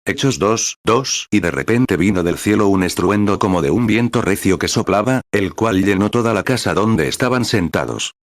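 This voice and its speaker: A man with a lowish voice reads a sermon aloud in a steady, even preaching cadence. The sound is dry and close, with no room around it. He calls out the paragraph numbers as he goes. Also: moderate pace, hardly any pauses, no echo. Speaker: reader of a translated sermon.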